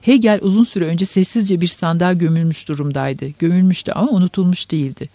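A man narrating an audiobook in a measured, even reading. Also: high-pitched, dry recording.

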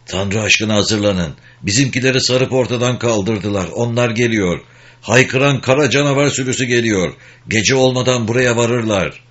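A man voicing a wounded, dying rider with a rasping croak, on a dull lo-fi recording. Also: medium pitch, normal speed, fairly bright tone, close to an everyday voice. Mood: urgent.

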